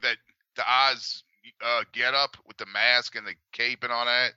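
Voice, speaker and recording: Sweary podcast guy just chatting, really punchy sharp voice, dry sound. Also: mid-range voice, steady tone, a little slow, clean tone, no room sound, highs cut off. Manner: profane. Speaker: podcast co-host. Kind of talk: casual chat.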